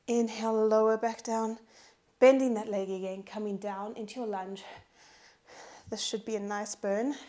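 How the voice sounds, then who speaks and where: In a warm, mid-range voice, a Pilates instructor guides a strength workout. She's out of breath while cueing moves, counting reps and encouraging.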